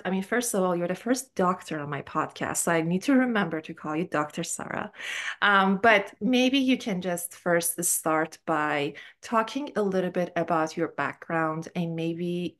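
Low-voiced upbeat woman podcast host. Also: fairly bright tone. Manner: enthusiastic, welcoming. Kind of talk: podcast hosting.

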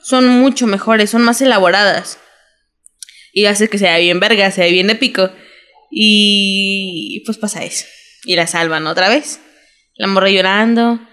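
A young adult woman with a Mexican Spanish accent, recapping a TV drama in casual, slangy, animated chat as a podcast co-host. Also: medium pitch, unhurried, clean tone. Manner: slangy, animated storytelling with quoted voices.

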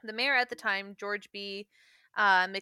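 A woman's voice: medium pitch, fairly even intonation, unhurried, pushed and bright, clear, resonant tone, dry recording. A woman co-hosting a casual history podcast, reading from notes with jokey asides and frequent laughter. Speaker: podcast co-host.

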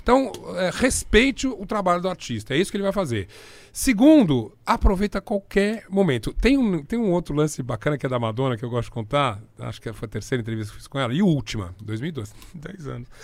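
A middle-aged Brazilian man, a journalist, telling anecdotes in conversation, animated and laughing often as he acts out the voices he quotes. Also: a little high, fast talker, no echo.

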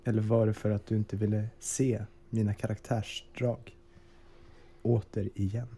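A man's voice: on the low side, flat delivery, dark tone, husky. A man hosting a podcast, reading in a pompous, mock-dramatic storyteller tone over a video call. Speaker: podcast host. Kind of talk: mock-dramatic reading, then casual chat.

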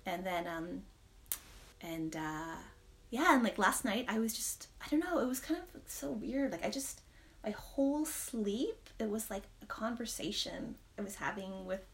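A woman's voice: medium pitch, animated, unhurried. A woman in her thirties, a podcast co-host, talking through personal reflections on faith in a rambling, candid way, laughing often. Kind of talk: casual faith chat.

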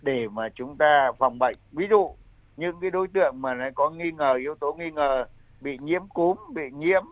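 An older man explains public health advice as an expert guest, in halting, repetitive phrasing. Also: a little high, no echo. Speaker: medical expert guest, senior health adviser. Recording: thin phone-like line.

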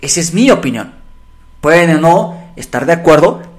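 A man's voice: fairly high pitch, lively intonation, moderate pace. A middle-aged man, co-hosting a casual talk show and acting out his own inner thoughts as he reflects. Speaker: podcast co-host. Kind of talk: casual chat.

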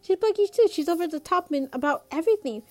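A woman's voice: very high voice, animated, quick pace, a little mellow, pitched above the performer's own voice. A woman voicing a defensive teenage boy arguing with his father, in a storybook reading.

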